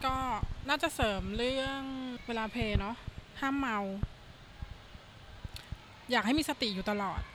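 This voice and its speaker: A soft-spoken woman guest giving brief, measured answers. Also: a little high. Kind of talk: casual conversation. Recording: clear background noise.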